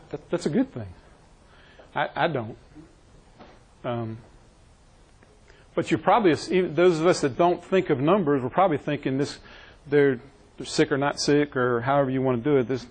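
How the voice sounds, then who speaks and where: A man's voice: mid-range voice, moderate pace, a little mellow, low-quality recording. A man teaching a classroom EMS training session, quizzing his trainees and joking with them. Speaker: EMS instructor.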